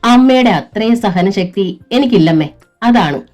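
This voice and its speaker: A woman voicing a wronged young wife and mother who speaks quietly but firmly. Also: mid-range voice, lively intonation, a little slow, faint music behind, pitched above the performer's own voice, close to an everyday voice. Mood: defiant. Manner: quiet, firm.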